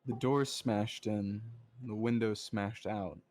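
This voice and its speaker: A man playing a tabletop game in character, speaking in a measured way. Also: on the low side, steady tone, a little mellow, dry recording. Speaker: player.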